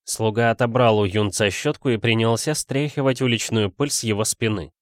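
Man, narrator, audiobook reading, measured, low voice, dry recording. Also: no echo.

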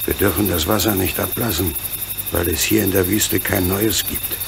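A man's voice: deep voice, steady tone, normal speed, vocal fry. A man playing a burly, kindly, fatherly locomotive engineer in a German radio play, earnest and comradely in manner. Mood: grave, worried. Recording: noisy recording with cricket chirps behind. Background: chirping crickets, night ambience.

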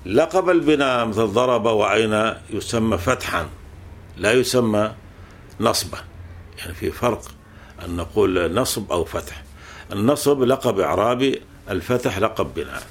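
A man's voice: on the low side, lively intonation, normal speed. A man teaching a classical grammar text, explaining patiently and repeating points with fillers.

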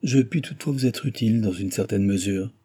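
A man's voice: fairly low pitch, fairly quick, dark tone, breathy edge. A man putting on a cool, scheming young woman. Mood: bargaining. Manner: cool, bargaining.

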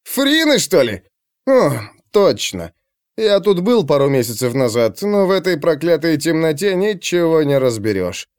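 A man's voice: on the high side, sing-song, a little slow, darkish tone, clean tone, no echo, clean studio sound, pitched above the performer's own voice. A man voicing a crude, mocking young conspirator who grumbles and jeers.

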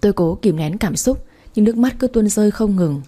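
A woman narrating a first-person love story aloud in a plain, even storytelling manner. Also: mid-range voice, fairly quick.

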